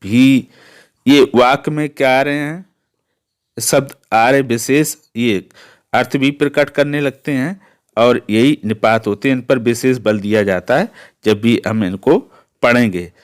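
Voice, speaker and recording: A male teacher works through a grammar lesson at a deliberately slow pace. He asks rhetorical questions and answers them himself, repeating each point so it sticks. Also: mid-range voice, clear, resonant tone.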